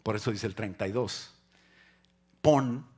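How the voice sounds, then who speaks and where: A male pastor delivering a conversational sermon. He jokes with the congregation and then drives his points home with loud, rising emphasis. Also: lowish voice, lively intonation, unhurried, slightly rough.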